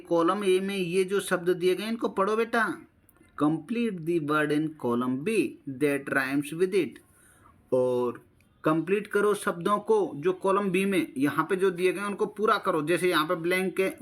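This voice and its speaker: Speaking a little slowly in a high, somewhat bright voice, a male English teacher runs a classroom-style lesson for young children. His accent is Indian, and he patiently follows each phrase with its Hindi version as he explains the textbook.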